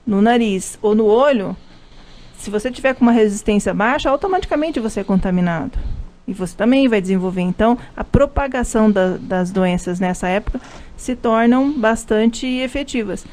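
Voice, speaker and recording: A fairly high, slightly mellow woman's voice belongs to a Brazilian pharmacist guesting on a live radio show. With a Brazilian Portuguese accent, she explains health topics, restarting often and leaning on fillers.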